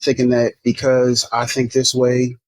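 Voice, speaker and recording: Speaking in a measured, monotone voice of medium pitch, this Maryland, USA native is a podcast guest in a casual chat. He talks frankly and rambles, restarting often and swearing.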